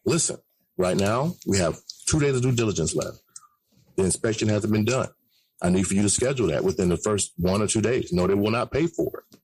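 A man who works as a real estate agent puts on a calm AM radio voice, playing himself as a steady, soothing agent who delivers bad news to clients in a lowered, even tone. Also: a little fast, slight background noise. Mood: calm, firm.

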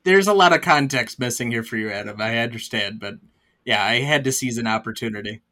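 A man's voice: mid-range voice, fairly quick, sharp tone. A man hosting a casual film podcast, running through scenes and stammering at times. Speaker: podcast host.

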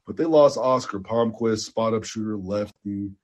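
A man co-hosting a podcast, chatting casually about basketball transfers with animated jumps in excitement. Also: fairly low pitch, moderate pace. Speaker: podcast co-host. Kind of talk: casual sports chat.

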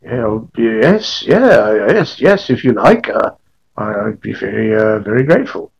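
A man's voice: fairly low pitch, sing-song, a little slow, gravelly, breathy edge, dull audio, full character voice. Man playing a hesitant, miserable scribe. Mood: timid, miserable. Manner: hesitant, stammering, apologetic. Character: miserable, timid, down-on-his-luck male scribe. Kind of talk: tabletop role-play.

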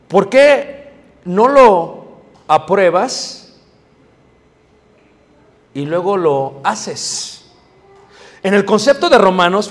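High-voiced Mexico City preacher. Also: male voice, long reverb tail. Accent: Mexico City Spanish. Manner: lively, joking, asks the audience questions. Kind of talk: sermon to youth.

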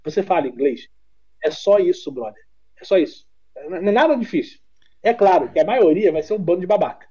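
A man's voice: high-pitched, a little fast, breathy edge, muffled recording. A Brazilian man with a Brazilian Portuguese accent, a podcast guest chatting bluntly and swearing freely. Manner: blunt, swearing, animated storyteller. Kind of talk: casual chat.

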